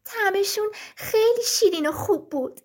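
A woman voicing a small, cold and hungry lark that pleads in a high, small voice in a storybook tale. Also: lively intonation, a little mellow. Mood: grateful.

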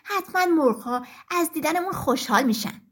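A woman's voice: sits high, animated, fairly bright tone. A woman voicing a big, proud male farm rooster who speaks in a boastful, showy way in a children's story. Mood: proud, reassuring.

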